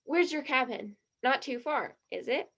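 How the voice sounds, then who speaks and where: In a one-act stage play, a woman voices an eager teenage girl with a high, gushing, dramatically earnest delivery and a pressing mood. She keeps a measured pace with a slightly bright, heavily acted tone. The sound is lo-fi and a little muffled.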